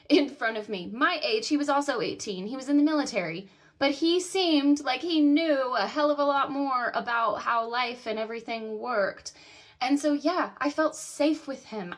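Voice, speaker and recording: Blunt woman in her thirties, slightly high. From American South. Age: 30s. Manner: blunt, emphatic, swears freely. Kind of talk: candid personal monologue to camera.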